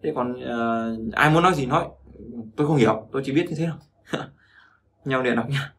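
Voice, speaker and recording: A man's voice: mid-range voice, moderate pace, vocal fry, a bit bright. A man teaching Chinese pronunciation, repeating words after a recording and explaining them. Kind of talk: pronunciation lesson.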